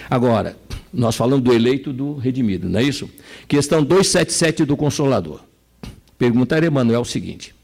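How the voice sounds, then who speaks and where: A man with a Brazilian Portuguese accent leading a spiritist study lesson, retelling a parable in an animated way and addressing the group directly. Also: mid-range voice, creaky. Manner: animated, acts out characters, addresses the audience directly.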